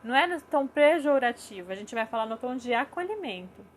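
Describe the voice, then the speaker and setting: A young adult woman with a Brazilian Portuguese accent, gently explaining parenting ideas in a casual live talk, often checking in with "né?". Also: high-pitched, big pitch swings, a little fast, a little hiss or hum. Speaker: parenting educator.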